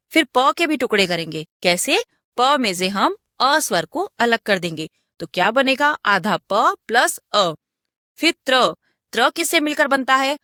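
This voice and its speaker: A woman's voice: a little high, bright, forceful tone, no room sound, studio quality. A woman teaching a Sanskrit lesson, patiently asking a question and then answering it herself. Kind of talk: classroom lesson explanation.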